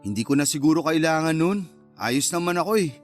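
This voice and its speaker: This actor voices a younger man drawn to older women, candid though hesitant, chatting casually and somewhat defensively in a radio play. The pitch is fairly high and the intonation lively, the delivery fairly quick and close to an everyday voice, with faint music underneath.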